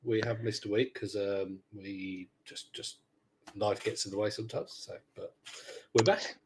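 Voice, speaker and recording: A man's voice: lowish voice, steady tone, a little slow, slight background noise, rough recording. A British man chatting casually as co-host of a gaming podcast. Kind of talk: casual chat.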